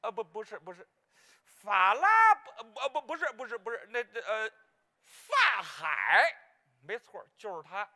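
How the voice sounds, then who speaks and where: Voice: medium pitch, sing-song, measured pace, sharp tone, exaggerated voice. A performer playing a comic, gossipy married woman in Peking opera, speaking with a Beijing accent in a rambling, bumbling way. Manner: rambling, bumbling, fumbles names. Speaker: clown role in a staged opera.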